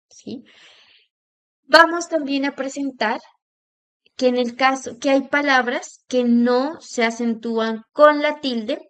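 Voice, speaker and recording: A woman teacher giving a recorded lesson, drawing out example words slowly to show where the stress falls. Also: high voice, a bit bright. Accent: Latin American Spanish.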